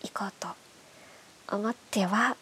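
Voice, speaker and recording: A woman with a stuffed-up, nasal voice from hay fever, hosting a bedtime radio show in soft, breathy, casual chat that often drops toward a whisper. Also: medium pitch, steady tone, takes it slowly. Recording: clearly audible background hiss.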